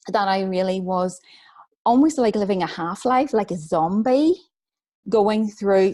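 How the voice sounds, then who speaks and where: A middle-aged woman with a Northern Irish accent, an author telling her personal story in a soft, reflective way. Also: mid-range voice. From Northern Ireland. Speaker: guest speaker, author and book coach.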